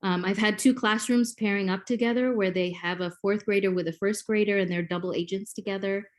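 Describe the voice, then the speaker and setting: A woman in her forties from Kenya speaks a little fast in a steady, medium-pitched voice. Swahili is her first language, and as a podcast guest she explains things like a classroom teacher, often saying um.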